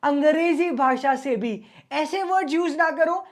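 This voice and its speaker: A male teacher gives an online exam-prep lecture in a very high voice. He talks to his students in a loose, friendly way and switches back and forth between Hindi and English. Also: a little slow. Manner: casual, chatty, mixes Hindi and English.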